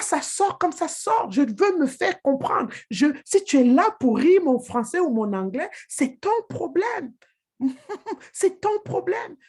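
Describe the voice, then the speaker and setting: Woman, high voice, motivational trainer, emphatic, direct address. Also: darkish tone. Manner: emphatic, repeats key phrases, talks straight to the listener. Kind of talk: motivational workshop talk. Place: living in England.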